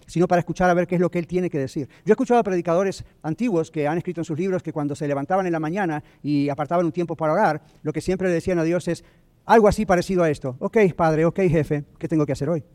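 Brief: middle-aged man, pastor, quick lively sermon delivery, tenor-ish voice, slips in English phrases. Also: a little high.

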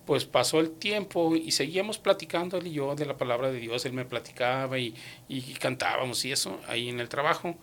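A man giving a personal faith testimony, retelling conversations with lively, acted-out dialogue and dropping English words into his speech. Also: medium pitch, brisk, slight background noise.

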